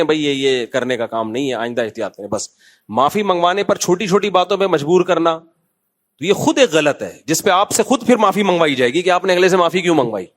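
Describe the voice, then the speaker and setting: A man preaching in a Pakistani Urdu accent, his voice sitting a little higher than most men's. He talks in a loose, conversational way, mixing anecdotes with gentle scolding. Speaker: mufti giving a religious talk. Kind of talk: informal sermon.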